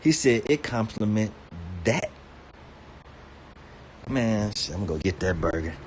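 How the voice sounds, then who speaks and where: A man's voice: animated, unhurried, darkish tone, slight background noise. A man ranting casually to camera, swearing a lot, stammering and repeating himself, his voice jumping up when he gets indignant. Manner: rambling, swears heavily, stammers and repeats words; indignant, pitch jumps high when worked up. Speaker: vlogger. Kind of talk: casual profane rant.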